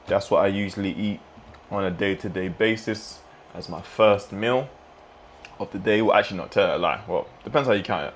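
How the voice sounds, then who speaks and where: A man with a very low, deep voice talks in a loose, rambling way, often dropping in "man" and "you know". It sounds like a relaxed vlog, with faint noise behind him. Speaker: fitness vlogger and streamer. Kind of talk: casual mukbang vlog chat.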